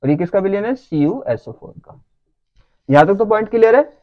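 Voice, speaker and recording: A man's voice: high voice, expressive, brisk, dry recording, narrow, tinny audio. A man teaching a lecture who keeps asking the class whether they follow. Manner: checks understanding with repeated questions.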